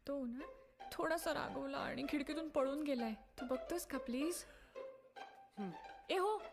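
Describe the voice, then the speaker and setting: A woman's voice: high voice, measured pace. An actress playing a flustered young wife, complaining about her husband in a film comedy. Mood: annoyed. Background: film score music.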